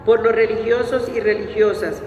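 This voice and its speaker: A man reading the prayers of the faithful at Mass in a slow, measured recitation, with a cathedral echo around him. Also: sits high, fairly even intonation, a crowd in the background. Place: large church during Mass. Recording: echoey church hall from far off, faint noise.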